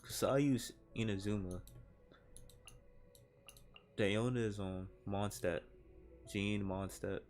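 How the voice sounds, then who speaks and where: A gaming streamer with a lowish, darkish voice talks slowly and steadily, pausing often as he mutters slang-filled commentary to himself. Video game music plays behind him throughout.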